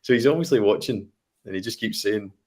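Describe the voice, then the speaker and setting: Tiefer, schnell redender Schotte. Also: male voice, on the low side, fairly quick, darkish tone. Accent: Scottish. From Scotland. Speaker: YouTuber on a film discussion panel. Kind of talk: casual unscripted chat.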